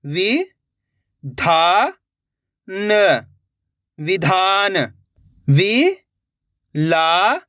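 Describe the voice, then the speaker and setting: A man's voice: sits high, animated, extremely slow, pauses often, bright, forceful tone, dry recording, clean studio sound. A man teaching children's reading, sounding out each syllable and then blending it into the word, encouraging his viewers as friends. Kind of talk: slow syllable-by-syllable reading lesson.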